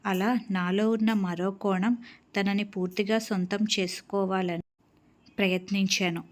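A woman storyteller narrating a first-person story in a steady, earnest reading voice. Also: medium pitch, unhurried.

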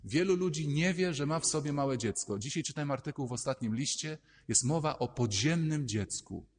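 A man, a priest, giving a lively, conversational sermon and acting out little inner voices as he speaks. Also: fairly high pitch, normal speed, husky, long reverb tail.

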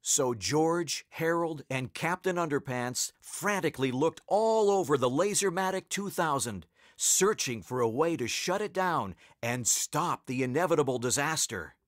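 A man narrating a children's storybook, playful and expressive, his pitch moving widely through each line. The recording is close and dry, with no room sound. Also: unhurried, hardly any pauses, no room sound.

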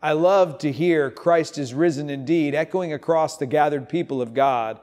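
Animated man preaching in a church. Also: a little high, moderate pace. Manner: animated, storytelling delivery. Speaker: pastor. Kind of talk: sermon with scripture reading. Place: empty church sanctuary, indoors.

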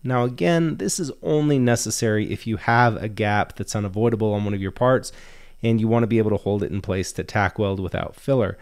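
A man in his thirties teaching welding to camera, explaining each step in a practical, calm way from a small indoor shop. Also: lowish voice, fairly quick. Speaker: welding instructor. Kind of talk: instructional talk to camera.

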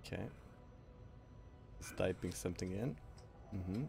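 Slow, gravelly-voiced male streamer. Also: sits low, a little mellow. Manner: playful, hums nonsense syllables, thinks aloud. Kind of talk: casual live gameplay chat.

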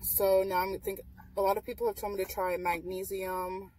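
A woman's voice: mid-range voice, little pitch movement, a little fast, a little mellow, far from the mic, a little hiss or hum, rough recording. A young woman in her twenties, tired, chatting candidly in a parked car at night, recorded by a dashboard camera. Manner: candid, matter-of-fact, many fillers. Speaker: vlogger. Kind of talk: casual chat. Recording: voice a little off-mic in car.

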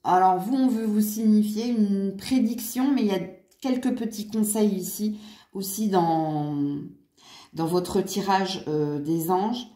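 A woman's voice: mid-range voice, measured pace, mellow, echoey room. A woman doing a casual angel card reading, chatty with many fillers and small laughs. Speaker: card reader.

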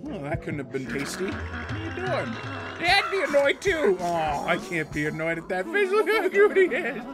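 A performer voicing an excitable cartoon man who rambles and yelps in alarm while reacting to his own cartoon episodes. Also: mid-range voice, moderate pace. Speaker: reacting host character. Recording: loud music playing underneath.

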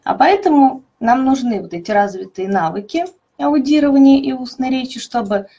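A woman methodologist presenting a teaching webinar, explaining clearly and stressing key words. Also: sits high, animated, normal speed, mellow.

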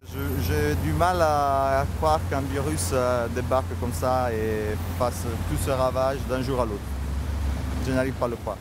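A man in his thirties answers a street interview outdoors, thoughtful and searching for his words. City traffic is clearly audible around him. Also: medium pitch, steady tone, measured pace.

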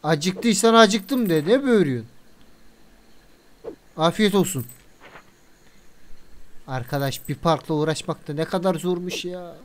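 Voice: mid-range voice, unhurried, pauses often, slight background noise. A game video creator giving casual let's-play commentary in a playful way, chatting to viewers and scolding the game characters.

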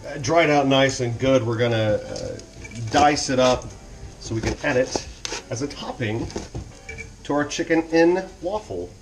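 Speaking at a measured pace in a medium-pitched voice, a forties-aged man hosts a lighthearted home cooking segment from his kitchen. His chatter comes with joking asides, captured by a wide camera sitting on the counter.

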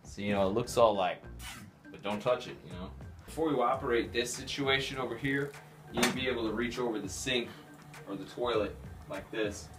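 Over music, a man in his thirties with a mid-range voice talks a little fast as he shows viewers round a rundown house's small rooms. His chat is casual and sardonic, full of mock-showy slang and swearing, captured indoors on a handheld camera.

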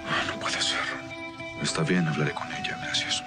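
A man's voice: rumbling low, steady tone, moderate pace, loud music behind the voice. A man with a Latin American Spanish accent dubbing a stern, hot-tempered police commissioner in a TV drama, heated and insistent. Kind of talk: dubbed TV drama. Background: loud dramatic score.

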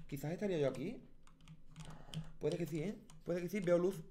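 A man with a Spain Spanish accent narrates his gameplay casually, chatting to himself and to viewers. His voice sits on the high side, and he yelps when things go wrong. Faint keyboard clicks sound underneath. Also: normal speed, warm tone, a little hiss or hum. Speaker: gaming YouTuber. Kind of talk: casual Let's Play commentary.

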